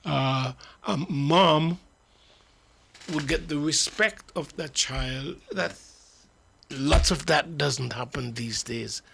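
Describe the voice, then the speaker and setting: A man hosting a radio talk show, speaking in a reflective, measured way. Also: fairly high pitch, creaky, a bit bright, a little hiss or hum.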